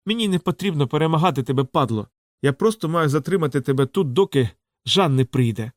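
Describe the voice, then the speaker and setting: A man's voice: on the high side, animated, fast talker, no room sound, studio quality, close to an everyday voice. A man voicing a bloodied young male thief in a storybook fight, frantic and half-mad, his voice raised and strained. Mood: frenzied defiance.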